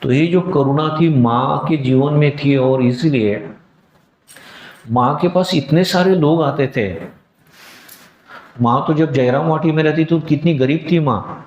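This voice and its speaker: A man's voice: fairly high pitch, measured pace, pauses often, a little mellow, lo-fi sound. A man, a monk, gives a devotional discourse. He tells stories and acts out the voices of the people in them, mixing English words into his speech. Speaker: monk giving a scripture talk. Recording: echoey hall, faint background noise.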